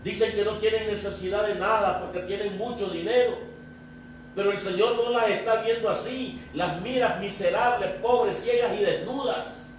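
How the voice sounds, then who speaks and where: A male pastor with a high-pitched voice preaches a sermon in a steady tone at normal speed, pressing the congregation with one rhetorical question after another. The recording comes from a distance in a very echoey church, with a faint hiss underneath.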